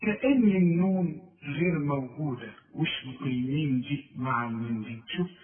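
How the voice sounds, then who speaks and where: A man with an Egyptian Arabic accent, teaching Quran recitation, switching between drawn-out chanted examples and quick explanations and checking that the listener follows. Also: fairly high pitch, reverberant. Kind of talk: tajweed lesson with recited examples. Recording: thin phone-like sound from a distance.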